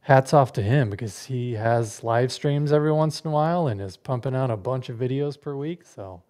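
A man co-hosting a laid-back podcast, chatting with listeners in a friendly, rambling way. He slips small laughs into his sentences. His pitch sits in an ordinary middle range. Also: moderate pace, darkish tone. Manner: chatty, laughs between words. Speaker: podcast co-host. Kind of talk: casual podcast chat.

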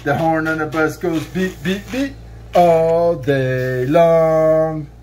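A man's voice: on the high side, steady tone, takes it slowly, a little mellow. A man in his thirties singing a children's song from a book to his child in a bedroom, playful and sing-song, drawing out the line endings. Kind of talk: sung read-aloud of a children's song. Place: bedroom, lying on a bed. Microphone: camera a few feet away.

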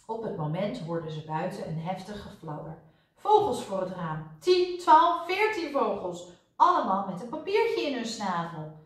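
A woman's voice: medium pitch, sing-song, moderate pace, far from the mic. A woman, a teacher, reading a children's storybook aloud expressively. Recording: roomy echo, voice off-mic.

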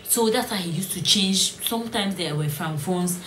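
A young woman, telling her own story in a storytime vlog, earnest and often sinking to a hushed whisper. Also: on the low side, normal speed, slight background noise. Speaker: vlogger. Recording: roomy echo, faint ambience.

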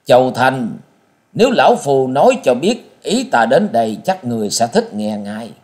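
A man voicing a mysterious old male martial master who speaks coldly and dryly from hiding, with loud, booming laughter. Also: very animated, fairly quick, natural voice. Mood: cold, mocking. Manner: cold, dry, booming laughter.

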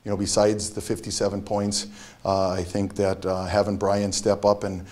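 A middle-aged man, a basketball head coach, giving a postgame interview in a halting, measured way with frequent restarts. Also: fairly low pitch, monotone, a little mellow. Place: press backdrop room.

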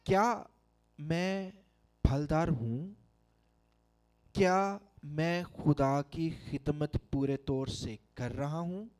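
A middle-aged Pakistani pastor with a Pakistani Urdu accent, preaching a sermon into a handheld mic in a large church hall, with emphatic calls to the congregation. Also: male voice, fairly high pitch, drawn-out words, a little mellow. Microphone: handheld microphone.

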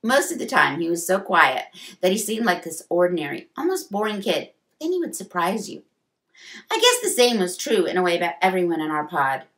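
A woman, a children's librarian, reading a storybook aloud with expressive voices for the dialogue. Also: fairly low pitch.

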